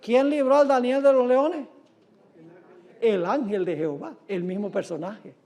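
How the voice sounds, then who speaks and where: A man with a very high-pitched, slightly mellow voice preaches a sermon, reading scripture aloud with dramatic, drawn-out emphasis. He poses rhetorical questions to his listeners.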